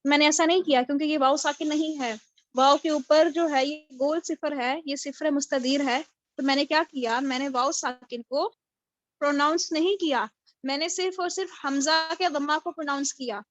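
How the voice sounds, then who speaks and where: A woman's voice: high voice, steady tone, no room sound. A woman teaching a live online recitation class, explaining step by step and answering her own questions. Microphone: video call. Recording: dull lo-fi video call audio.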